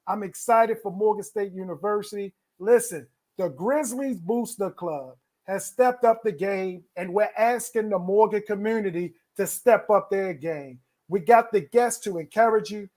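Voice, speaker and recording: Brief: middle-aged male telethon host on a video call, light high voice, upbeat and repetitive. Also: moderate pace, few pauses, a little mellow. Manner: encouraging, repeats phrases for emphasis. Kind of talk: virtual telethon interview.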